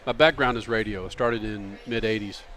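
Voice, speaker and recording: A man's voice: on the low side, fairly quick. A middle-aged man, a former radio and TV presenter, telling his career story on a dinner podcast. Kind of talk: casual chat over dinner.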